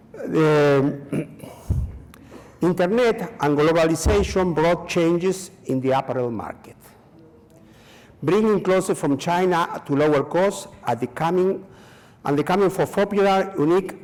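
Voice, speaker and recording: This conference speaker from Chile has a fairly high, darkish voice. He presents in a hall whose long reverb trails his words, speaking halting non-native English packed with fillers and repetitions.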